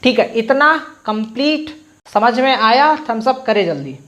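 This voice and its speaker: A man teaching a Hindi grammar lesson online, who asks questions and answers them himself and repeats sounds slowly so students can copy them. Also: very high voice, expressive, a bit bright. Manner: addresses viewers directly with frequent "theek hai". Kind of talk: online exam-prep lesson.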